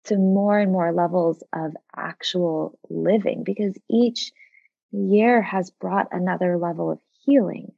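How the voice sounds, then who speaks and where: A woman in her forties with a low, gravelly voice that is soft and husky. She talks as a guest on a podcast, reflective and earnest, and the sound is dry and a little dull. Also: unhurried, no echo. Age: 40s. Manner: reflective, earnest, many fillers. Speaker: guest, coach and former psychologist. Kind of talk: casual podcast conversation.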